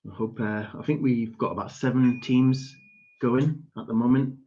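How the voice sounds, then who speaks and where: A young man hosting a pub quiz, reading each question slowly, repeating and spelling it out, chuckling and correcting himself as he goes. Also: mid-range voice, fairly even intonation, warm tone. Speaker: quiz host. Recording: dull lo-fi stream audio.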